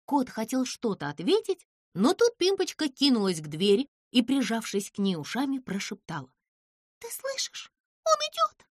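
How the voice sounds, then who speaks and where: A woman narrating a children's audiobook in a slow, expressive storytelling manner. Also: fairly high pitch, dry recording, clean studio sound.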